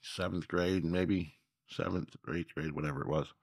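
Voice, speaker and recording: An older man from Minnesota, a guest telling a story in a casual, animated way, laughing as he goes. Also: low-pitched, moderate pace, vocal fry.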